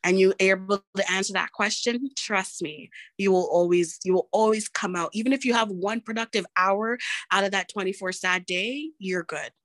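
A woman's voice: mid-range voice, normal speed, fairly bright tone, no echo. Earnest woman business owner chatting in an interview, repeats herself, dead dry audio. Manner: earnest, repeats points, laughs often. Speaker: entrepreneur and nurse, interview guest. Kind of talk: casual interview answers.

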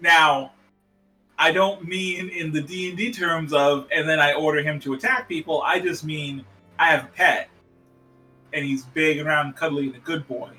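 A man's voice: a little high, fairly even intonation, normal speed, bright, forceful tone, faint music behind. A man playing a tabletop game, talking in an enthusiastic, joking way with stumbling restarts. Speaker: player. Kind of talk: casual tabletop game chat.

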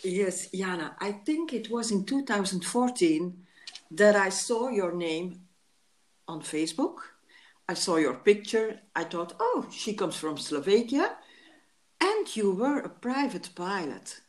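A woman hosting a podcast interview, talking with many pauses and fillers. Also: medium pitch, sing-song. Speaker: podcast host. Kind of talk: conversational interview.

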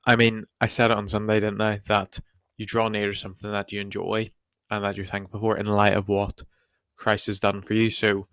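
A man who preaches, talking things over on a podcast in a reflective, hedging way with a croaky voice. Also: on the low side, monotone, a little fast, hardly any pauses, a bit bright, dry recording. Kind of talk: podcast discussion.

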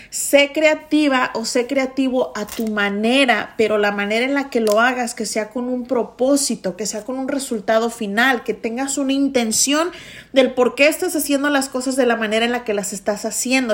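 A young adult woman hosting a motivational podcast, talking intensely and emphatically. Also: a little high. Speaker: podcast host.

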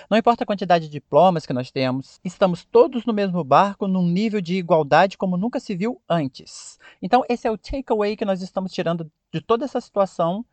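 Brazilian male podcast host, English teacher, high and dry voice, repeats words carefully. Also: darkish tone, no echo. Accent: Brazilian Portuguese. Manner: didactic, repeats words slowly for emphasis. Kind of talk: podcast lesson on English pronunciation.

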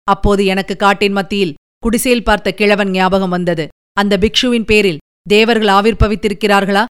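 Smooth-voiced woman reading a novel aloud. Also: medium pitch, steady tone. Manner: measured, deliberate storytelling. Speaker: audiobook narrator. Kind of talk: scripted narration of a novel.

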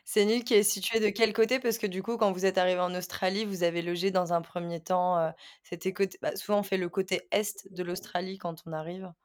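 A woman's voice: fairly low pitch, steady tone, brisk. A woman hosting a casual interview, asking questions and giving short encouraging replies.

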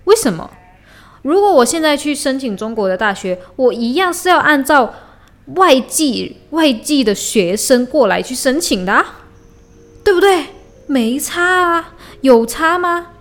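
With a faint lo-fi hip-hop beat in the background, this podcast host from Malaysia talks solo at normal speed. Her voice is high-pitched with big pitch swings, and her delivery is heated, blunt, and profane, sprinkled with English slang.

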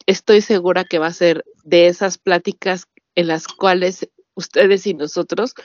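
A woman co-hosting an interview, speaking warmly and effusively in a casual chat. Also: lowish voice, steady tone, unhurried, dry recording, dull audio. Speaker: co-host.

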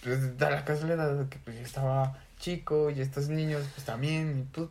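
A man's voice: a little high, fairly even intonation, moderate pace, darkish tone, slight background noise. Slangy young Mexican man, casual chat. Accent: Mexican Spanish. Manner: slangy, swears a lot. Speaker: podcast co-host.

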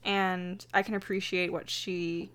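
A woman's voice: lowish voice, level tone, unhurried, a bit bright, clear, resonant tone. A woman co-hosting a casual podcast, hesitant with many fillers and frequent giggles. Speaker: podcast co-host. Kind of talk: casual chat.

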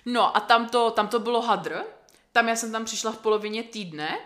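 A woman's voice: on the high side, a bit bright. A young woman from the Czech Republic chatting casually about a course abroad, rambling with many fillers and restarts. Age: young adult. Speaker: guest telling about a language course abroad. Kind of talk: casual chat.

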